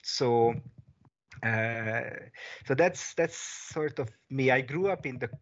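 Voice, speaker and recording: A man in his forties from Hungary, speaking as a guest over a headset video call and pausing often with fillers. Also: mid-range voice. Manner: thoughtful, many fillers and restarts. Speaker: guest, peace researcher and consultant. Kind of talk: casual video call interview. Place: small room at home, indoors. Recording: slightly dull video call audio.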